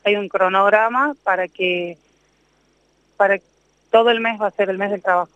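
Woman inspector, smooth high voice, stumbles a bit, muffled dry audio. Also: steady tone, normal speed, fairly bright tone, dry recording. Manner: hesitant, trailing restarts. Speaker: safety inspector. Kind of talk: interview answers. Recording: dull muffled sound.

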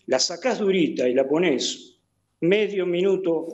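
An Argentine man talking casually in a slightly high voice. He circles back over his words, restarting and repeating as he goes. The recording sounds dull and muffled. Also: animated, a little slow. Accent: Argentine Spanish. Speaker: guest, Argentine living in Italy. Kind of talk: casual conversation.

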